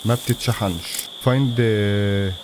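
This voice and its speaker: Over very noisy audio, a gaming channel host with an Egyptian Arabic accent narrates a horror game let's-play. His voice sits on the low side at a normal pace, and he talks to himself in jumpy, nervous mutters.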